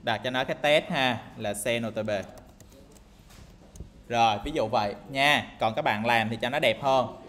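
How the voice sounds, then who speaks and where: A man talks students through a coding tutorial in a screen recording. He thinks aloud in a loose, casual way, peppering his steps with fillers and little tag questions. His voice sits at an ordinary middle pitch. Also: normal speed, a bit bright. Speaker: programming instructor.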